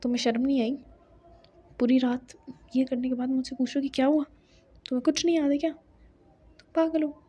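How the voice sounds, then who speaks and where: A woman's voice: high-pitched, flat delivery, moderate pace, pauses often, mellow, breathy edge. A woman voicing a furious, hurt young woman who scolds her lover, mixing Hindi and English. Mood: frightened anger. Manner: accusing, tearful scolding.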